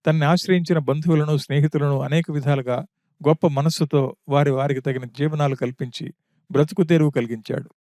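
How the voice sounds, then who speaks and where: A man voicing a calm, wise monkey counselor who consoles a widow with steady, sermon-like reasoning. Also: a little high, a little fast, dry recording, clean studio sound, natural voice. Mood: consoling.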